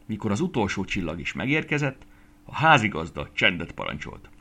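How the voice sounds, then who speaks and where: Brief: gentle male storyteller, lowish voice, lively expressive reading of a fairy tale. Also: breathy edge. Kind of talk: children's storybook narration.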